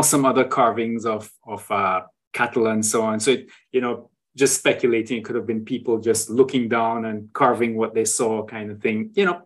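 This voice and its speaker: Man explaining with frequent "right?". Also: medium pitch. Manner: tag questions, frequent restarts. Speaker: guest sharing travel photos. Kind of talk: conversational explanation.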